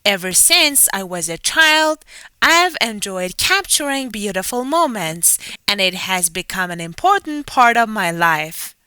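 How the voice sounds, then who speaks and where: A woman reading scripted example passages in an even, polished way. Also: mid-range voice, a little slow, smooth, no room sound. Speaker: narrator reading example texts. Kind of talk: scripted narration.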